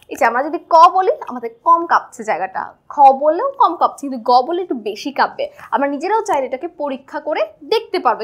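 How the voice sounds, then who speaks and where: A young woman with a high voice teaches a lesson in a patient, steady way. She goes back over her points and drills each sound one at a time. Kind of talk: classroom lesson explaining phonetics.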